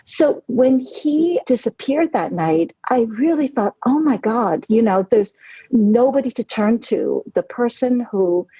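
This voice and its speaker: A woman in her forties, born in Hong Kong and raised in New York City, speaks in a fairly high, expressive voice that is unhurried, warm and a bit breathy. As a novelist guest on a podcast, she tells her story earnestly and reflectively, often saying "you know." The audio is dry, dull and lo-fi, with no room sound.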